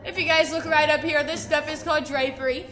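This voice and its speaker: Bright, high-voiced woman guide in echoing cave. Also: fairly even intonation, a little fast, faint music behind. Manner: chatty, addresses the group as guys. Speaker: cave boat tour guide. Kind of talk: casual guided tour talk. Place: inside a large cave, on a boat on an underground lake. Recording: echoing cave with long reverb.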